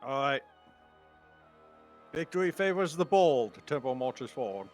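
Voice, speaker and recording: A man's voice: medium pitch, lively intonation, measured pace, faint music behind. A man playing a tabletop fantasy game, speaking in character and declaring his character's actions. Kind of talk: in-character play and third-person action calls.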